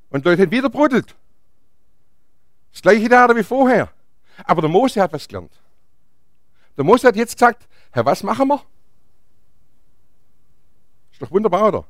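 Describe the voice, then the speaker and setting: A man's voice: high-pitched, a bit bright, dry recording, clean studio sound. A man preaching a sermon, telling a Bible story in a chatty way and asking his listeners questions. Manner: chatty, asks the audience questions.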